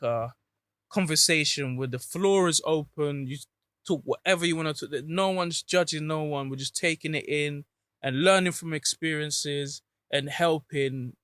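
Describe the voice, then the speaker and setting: A man's voice: fairly high pitch, a little slow, a bit bright, no echo. A man in his thirties with a London accent, chatting casually as an interview guest in roadman street slang. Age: 30s. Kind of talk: casual chat.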